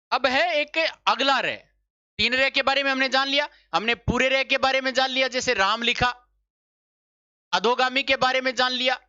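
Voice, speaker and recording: A male teacher drills a grammar lesson in a bright, forceful voice. He keeps asking questions and answering them himself, and he repeats each point before moving on. The sound is dry and a bit dull, as on a lo-fi recording. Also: extremely high pitch, smooth, no room sound. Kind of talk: exam-prep spelling lesson.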